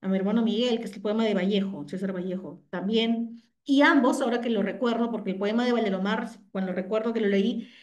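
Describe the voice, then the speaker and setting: A woman's voice: mid-range voice, fairly quick, hardly any pauses. A woman literature teacher, explaining patiently over a video call and often checking in with tag questions. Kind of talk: online class explanation.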